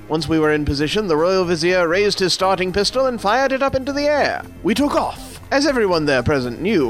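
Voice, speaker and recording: A man's voice: fairly high pitch, fairly bright tone. A man with a morning voice, reading aloud in a grand, theatrical storytelling manner. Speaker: reader. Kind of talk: dramatic storybook narration.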